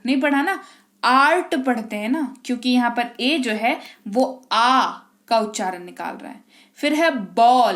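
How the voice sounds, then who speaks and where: High-voiced woman teaching pronunciation. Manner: drills words aloud, slow and stretched, with many check-ins to the class. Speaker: English teacher. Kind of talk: spoken classroom lesson.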